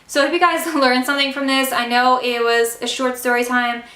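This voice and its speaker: Young woman, high voice, sharp tone, emphatic, casual storytime vlog, echoey room. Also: flat delivery. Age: young adult. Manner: emphatic and fired-up, fast with many "like" and "literally". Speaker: vlogger.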